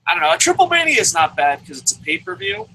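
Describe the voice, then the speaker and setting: A man who lives in Japan hosts a casual wrestling review podcast, rambling, swearing freely and stammering through restarts. His very high voice swings hugely in pitch at a quick pace, sounding creaky, pushed and bright. The audio is poor, with a little hiss or hum.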